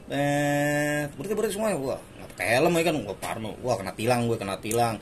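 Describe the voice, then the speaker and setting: A man's voice: mid-range voice, moderate pace, a little hiss or hum. A man telling school-day stories in a casual chat, acting out quoted exchanges and laughing often. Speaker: guest storyteller.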